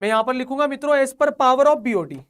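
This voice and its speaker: A young man teaching an online lecture, excited and playfully scolding his students, mixing Hindi and English. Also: extremely high pitch, a little fast, clear, resonant tone.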